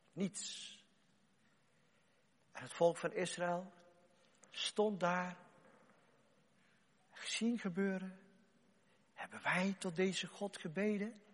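Male preacher, high voice, slow and deliberate, impassioned, hushed-to-loud swings, echoing church hall. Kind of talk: sermon. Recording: long hall reverb.

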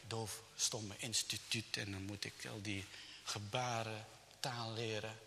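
Man telling a story as a distraught young mother, anxious, pleading, slow, bright tone, long hall echo. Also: on the low side, little pitch movement, slight background noise, full character voice. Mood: sorrowful.

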